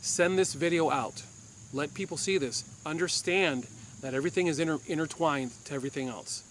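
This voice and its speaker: A man's voice: a little high, a little fast, a bit bright, a little hiss or hum. A man from Puerto Rico, a former police officer, hosting a firearms channel and giving an insistent opinion monologue to camera, repeating his points for force.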